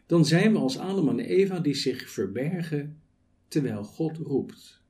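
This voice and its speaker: A man preaching a sermon, building it on rhetorical questions and measured lists. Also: a little high, lively intonation, darkish tone, a little hiss or hum.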